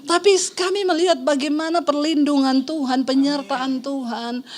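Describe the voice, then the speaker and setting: A woman's voice: high-pitched, fairly even intonation, moderate pace. A middle-aged woman pastor preaching a sermon, telling a personal testimony and acting out the voices in her story. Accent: Indonesian. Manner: storytelling, acts out quoted voices, addresses congregation as "Saudara".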